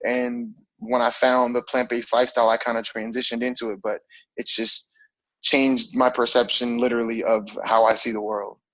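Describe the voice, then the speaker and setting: A man in his thirties speaks in a relaxed, rambling way, dotting his talk with fillers and short laughs. His voice sits in an ordinary middle pitch. The recording is dry and slightly muffled. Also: moderate pace, dry recording. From grew up on military bases overseas. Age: 30s. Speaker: fitness coach. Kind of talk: casual interview.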